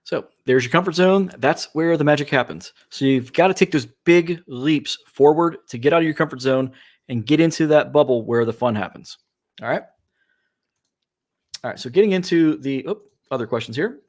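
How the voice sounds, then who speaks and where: A man co-hosting a casual podcast chat, reading out listener points with relaxed asides. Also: on the high side, normal speed. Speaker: podcast co-host.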